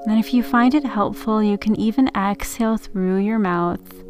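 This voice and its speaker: A woman gently narrating a guided sleep meditation in the soothing, unhurried manner of a sleep story narrator. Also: mid-range voice, music in the background. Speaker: meditation podcast host and yoga teacher.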